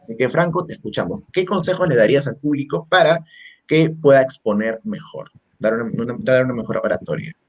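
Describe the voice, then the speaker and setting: A man's voice: medium pitch, lively intonation, brisk, slightly rough. A man hosting a webinar who sums up and hands over to the guest with a question. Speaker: webinar host. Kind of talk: moderating a webinar.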